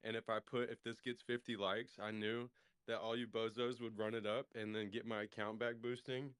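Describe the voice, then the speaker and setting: A man with a lowish, smooth, resonant voice talks in a laid-back, offhand way, swearing freely. He sounds close and dry, like someone chatting from home into a call. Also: level tone, moderate pace, a bit bright, dry recording. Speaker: co-host. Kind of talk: casual chat.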